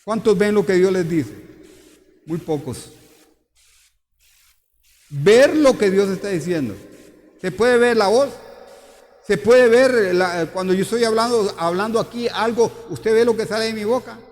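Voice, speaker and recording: A man's voice: high voice, measured pace, pauses often, darkish tone, long reverb tail. A man preaching a sermon as pastor, emphatic, repeating questions to the congregation. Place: church hall.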